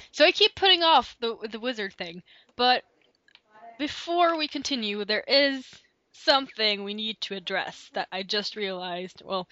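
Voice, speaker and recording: A woman's voice: mid-range voice, sharp tone. A young woman co-hosting a podcast over an online call, chatting in a giggly, rambling way with many restarts. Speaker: podcast co-host. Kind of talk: casual chat. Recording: dull lo-fi call audio.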